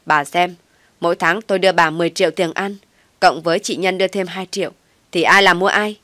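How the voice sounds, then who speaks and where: A woman voicing a brash, mocking young wife who shouts at her mother-in-law. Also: medium pitch, lively intonation, moderate pace, dry recording, lightly acted. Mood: shouting scornfully. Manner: shouting, scornful.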